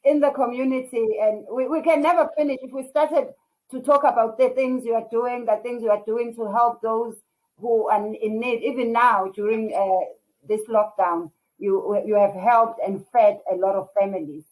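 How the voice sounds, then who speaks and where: A fairly high-voiced South African woman hosting a casual live interview. She chats easily, reads comments from viewers and jokes along with her guest. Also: steady tone, normal speed, a little mellow, low-quality recording. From KwaZulu-Natal, South Africa. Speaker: host.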